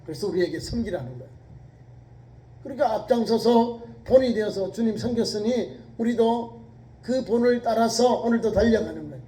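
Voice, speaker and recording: A man's voice: sits high, animated, moderate pace, mellow, low-quality recording. A middle-aged male pastor preaching a sermon in an earnest, exhorting way, often repeating key words for emphasis.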